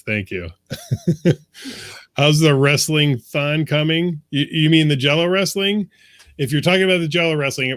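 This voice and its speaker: A man's voice: fairly high pitch, a bit bright, no room sound. A man co-hosting a casual podcast from his basement studio, joking crudely and laughing often. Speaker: co-host.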